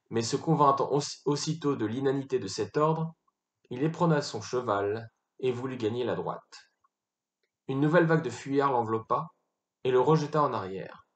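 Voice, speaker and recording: A man giving a dramatic reading of a classic novel, building intensity through battle scenes. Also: mid-range voice. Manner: narrates with rising intensity in battle scenes, occasional slips and restarts. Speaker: reader. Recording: roomy echo.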